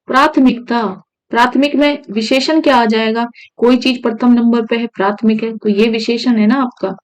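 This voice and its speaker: A woman's voice: on the high side, steady tone, normal speed, poor audio. A woman teaching Hindi grammar for exam prep, checking in with her students as she explains. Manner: repeats "ठीक है" often, asks students questions.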